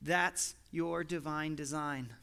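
Bright, high-voiced animated male pastor. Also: slow pace, creaky, smooth. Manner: animated storytelling, quotes his son and God in lively asides. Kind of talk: sermon.

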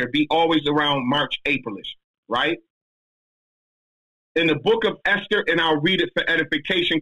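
A man holds forth in a casual discussion, emphatic and slangy, his voice pitched high and bright. The tone is husky, and he speaks with lively conviction. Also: dull audio. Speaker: speaker answering a question.

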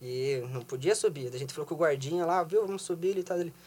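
A Brazilian Portuguese-accented man telling a story as a podcast guest, slangy and animated. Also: a little high, fast. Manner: slangy, animated, laughs often. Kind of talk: casual storytelling chat.

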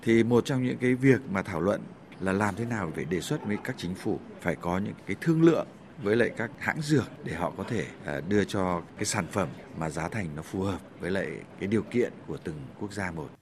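A middle-aged man speaking as an association chairman in an interview, deliberate with small hesitations. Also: deep voice, animated, slight background noise. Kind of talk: interview answer. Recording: crowd audible behind.

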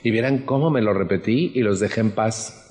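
A man's voice: lowish voice, a little fast, a little mellow, big-room sound. A middle-aged Mexican man with a Mexican Spanish accent gives an earnest personal testimony at a support group meeting, often putting questions to the audience.

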